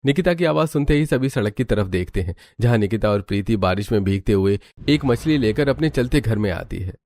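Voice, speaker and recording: A man's voice: fairly low pitch, lively intonation, a little fast, a little mellow, no echo. A man reading scripted narration for a cartoon family story. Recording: clearly noisy background.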